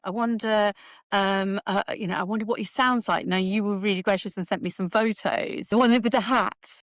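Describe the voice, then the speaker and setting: A woman's voice: mid-range voice, dry recording. A woman recounts a personal family story as host, casual and conversational, often restarting her sentences. Her voice sits in a middle register. She is recorded close and dry, with no room sound. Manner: warm, with frequent restarts and laughs. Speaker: host, the daughter who found her father.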